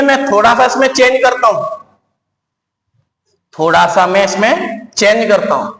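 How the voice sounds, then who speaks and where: A man's voice: extremely high pitch, gravelly, fairly bright tone. A man teaching a physics class at the board, often calling his students "beta" and answering his own questions as he works through each step. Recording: echoey room.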